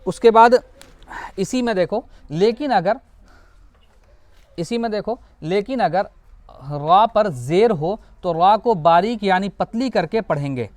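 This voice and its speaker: A man teaches Quran pronunciation in a patient classroom manner. His voice sits fairly high. He keeps asking questions and answering them himself, and he drawls out example words slowly. The sound is dry, with no room echo. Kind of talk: classroom lesson.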